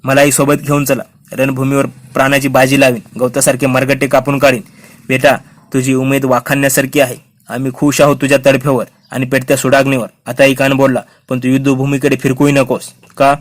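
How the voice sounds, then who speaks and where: A man reads a historical novel aloud at a steady, unhurried pace. His pitch barely moves from line to line, staying level and monotone even through the characters' lines. It is a plain, even audiobook reading. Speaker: audiobook reader.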